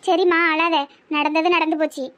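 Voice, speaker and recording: A woman voicing a patient adult daughter in a cartoon, speaking with a Tirunelveli Tamil accent and gently coaxing and reasoning. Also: extremely high pitch, flat delivery, normal speed. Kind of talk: cartoon voice acting.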